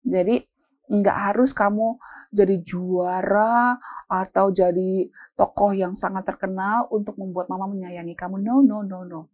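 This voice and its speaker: A woman giving casual parenting advice, animated and acting out parents' voices. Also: medium pitch, a little slow, dull audio. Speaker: parenting expert guest.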